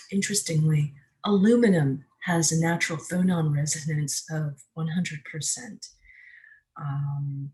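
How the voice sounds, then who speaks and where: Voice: mid-range voice, darkish tone. A presenter giving a screen-share talk, hesitant and full of ums and uhs.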